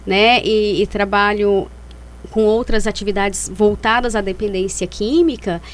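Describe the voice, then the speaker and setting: A woman's voice: mid-range voice, fairly even intonation, unhurried. A woman speaking as a psychologist guest in an interview, explaining things and rephrasing as she goes.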